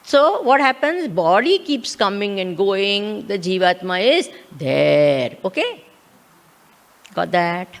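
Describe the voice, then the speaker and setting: A woman's voice: mid-range voice, very animated, slow, creaky. A woman with an Indian accent giving a scriptural lecture as a spiritual teacher, repeating key words and posing questions to check understanding.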